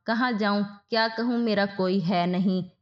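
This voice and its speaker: A woman's voice: medium pitch, fairly even intonation, lightly acted. Woman reading as a pleading young wife. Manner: soft, pleading. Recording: dull lo-fi audio.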